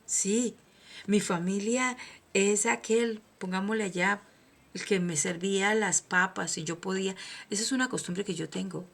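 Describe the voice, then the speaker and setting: A Colombian woman hosts a personal motivational monologue, speaking with vocal fry at medium pitch and a slightly slow pace. She is emphatic and preachy, swinging between soft and loud.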